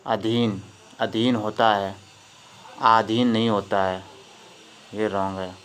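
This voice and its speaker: A man's voice: on the low side, level tone, slow, slight background noise. A male teacher giving an exam-prep spelling lesson, repeating each word and quizzing his students. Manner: drills words by repeating them and quizzing students.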